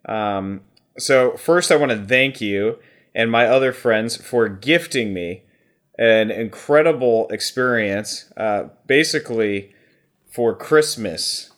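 A man's voice: medium pitch, takes it slowly, a bit bright. A man co-hosting a casual podcast, joking around and rambling playfully as he talks. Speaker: podcast co-host.

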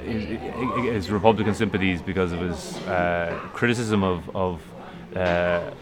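A man with a west of Ireland accent, speaking in a halting, hesitant way in an informal interview. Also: sits low, fairly even intonation. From Galway, west of Ireland. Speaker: event attendee being interviewed. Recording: crowd chatter behind the voice. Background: crowd chatter.

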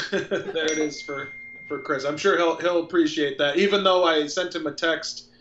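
A man's voice: a little high, fairly even intonation, normal speed, background noise. A man in his thirties, a filmmaker guest in a casual interview, talking in a reflective, earnest way. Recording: dull lo-fi sound.

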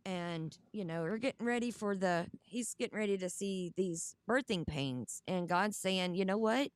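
A woman's voice: fairly low pitch, unhurried, clean tone, no echo. A woman with a Southern US accent hosting a casual Bible study livestream, talking in a chatty way with fillers. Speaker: host.

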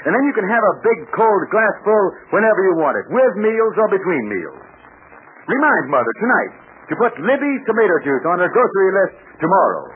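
A man announces like an old radio announcer of the 1940s, through a thin, phone-like band with faint noise. His voice sits fairly high and swoops with animated, earnest salesmanship. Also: brisk. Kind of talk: 1940s radio announcer, scripted narration and sponsor pitch. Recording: noisy, muffled old radio recording.

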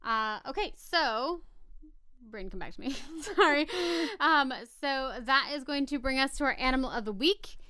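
A woman co-hosting a casual animal-facts podcast, reading from notes with chatty asides and an expressive, playful way of talking. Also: high voice, moderate pace, smooth, no room sound, studio quality. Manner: giggly, expressive, stumbles playfully over scientific words. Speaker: podcast co-host.

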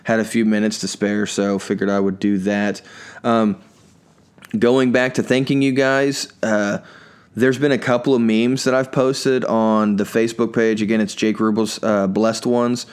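A man's voice: lowish voice, flat delivery, a little slow, clean tone. A man hosting his own podcast as a stand-up comedian, telling family anecdotes in a loose, rambling way and thanking his listeners. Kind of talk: casual storytelling chat.

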